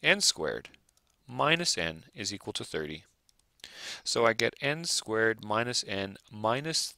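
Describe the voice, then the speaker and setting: A male math teacher working through examples aloud, thinking out loud and checking in with rhetorical questions. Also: sits low, no room sound. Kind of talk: recorded lecture over worked examples.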